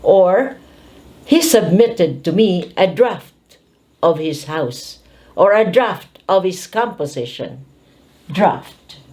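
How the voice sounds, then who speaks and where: Older woman, patient pronunciation teacher, low-ish voice, deliberate over-articulated drilling. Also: animated, darkish tone.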